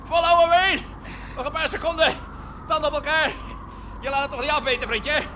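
Man acting high-pitched, urgent, dogged airman. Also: fairly quick, lightly acted. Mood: urging, strained. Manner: urging, exclaiming, repeating commands. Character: urgent, dogged airman rescuing a dangling comrade. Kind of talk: radio drama acting. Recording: engine and wind noise behind.

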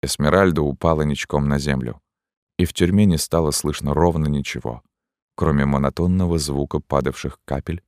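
A man narrates a classic novel as an audiobook in a measured, dramatic way. His voice sits very low and deep. The recording is dry and close, with no room around it. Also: fairly even intonation, a little mellow, dry recording.

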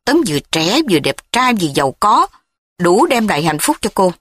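A woman reading the part of a scheming, threatening older man who talks in a measured, cold way. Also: lowish voice, big pitch swings, breathy edge, no echo, studio quality. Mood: pleading.

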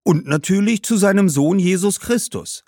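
A man's voice: high-pitched, expressive, normal speed, warm tone, dry recording, studio quality, voice pushed up. A man voicing an earnest, bookish young schoolboy who talks eagerly and insistently in a storybook.

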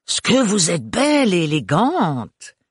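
A man playing a spoiled young woman whose voice shoots up high and stretches slowly into whines. Her shrill tone stays lively and dramatic, on a husky, dry storybook reading. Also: dry recording, exaggerated voice. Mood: gushing.

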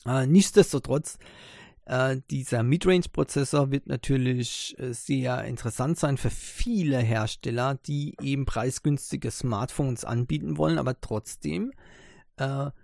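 A man's voice: mid-range voice, measured pace, creaky, a little mellow, no room sound, studio quality. A man hosting a casual tech news podcast, talking with many hesitant fillers. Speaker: podcast host.

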